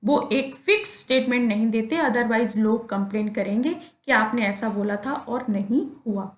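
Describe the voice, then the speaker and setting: A woman teaching philosophy, reading definitions slowly and explaining them more quickly in casual asides. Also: a little high, reverberant. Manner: slow, deliberate reading of English definitions, quicker Hindi explanations. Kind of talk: explanatory lecture mixing Hindi and English.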